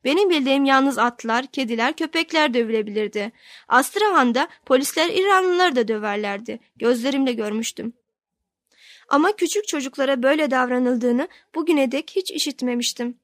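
A woman narrating a novel in the first person, reading with steady storytelling. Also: high voice, brisk, no room sound, studio quality. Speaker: audiobook narrator.

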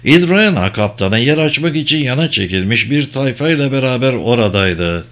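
A man narrating an adventure novel as an audiobook, in a steady, measured storytelling voice. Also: mid-range voice.

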